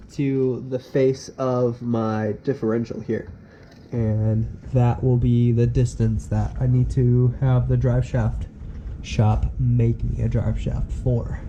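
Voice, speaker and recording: A man with a nasal voice, stuffy from being sick, talks through his garage project in a casual, step-by-step way. His tone is mellow and relaxed, with faint noise behind him in a home workshop shed. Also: mid-range voice. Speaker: host. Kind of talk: casual DIY car-build vlog.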